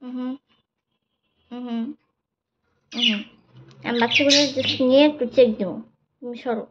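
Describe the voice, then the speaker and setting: A woman's voice: on the high side, steady tone, unhurried. A woman, talking to her pet bird while she checks its chicks, scolding and coaxing it with repeated questions. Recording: dull audio with loud bird noise. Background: squawking budgerigars.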